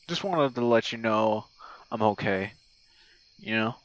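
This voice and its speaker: Expressive and on the low side, this young man speaks at a measured pace in a casual, rambling voice message to a gamer friend, cursing plenty and making fun of himself. He's a streamer who creates online audio roleplay. The rough recording has no room sound, with crickets and night sounds in the background.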